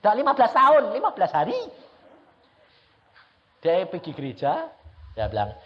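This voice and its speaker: Animated preacher man. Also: sits high, normal speed. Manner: animated storytelling, acting out dialogue, frequent laughter. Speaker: evangelist preacher. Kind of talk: sermon. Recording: dull lo-fi recording.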